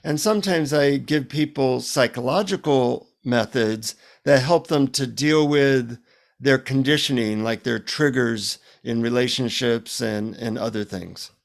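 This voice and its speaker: A man's voice: mid-range voice, measured pace, gravelly. A man, a psychotherapist and author, telling humorous stories in a casual interview. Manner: lively anecdotal storyteller, humorous asides.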